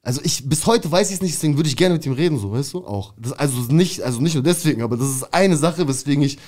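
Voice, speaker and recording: A man's voice: on the high side, quick pace. Slangy man telling a story. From Berlin, Germany. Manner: slangy and animated, calls the listener "bro". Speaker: interview guest. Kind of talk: casual storytelling.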